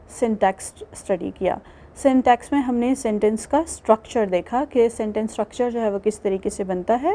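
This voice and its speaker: A woman's voice: on the high side, dark tone. A middle-aged woman from Pakistan giving a recorded university lecture, explaining step by step and mixing English terms into her speech. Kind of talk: recorded distance-learning lecture.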